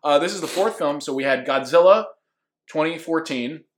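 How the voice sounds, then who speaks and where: A man's voice: on the high side, moderate pace. A man co-hosting a casual podcast chat about upcoming movies, enthusiastic, laughing often, with many fillers. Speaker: podcast co-host.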